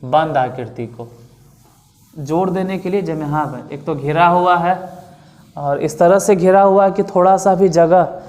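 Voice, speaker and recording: A man teaching a maths class online in Bihari-accented Hindi, repeating definitions slowly for students to write down and quizzing them. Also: sits high, steady tone, a little mellow.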